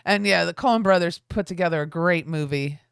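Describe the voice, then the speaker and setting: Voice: mid-range voice, fairly quick, gravelly, a bit bright, clean tone, dry recording, clean studio sound. A co-host in a casual livestream chat, easygoing and reading viewer comments aloud.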